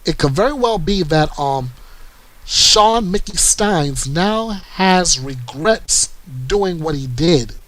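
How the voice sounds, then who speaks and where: A man with a somewhat high voice hosts a true-crime news show. He reads the reports aloud in a plain, steady way, then drifts into loose, halting commentary of his own. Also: dry recording, low-quality recording.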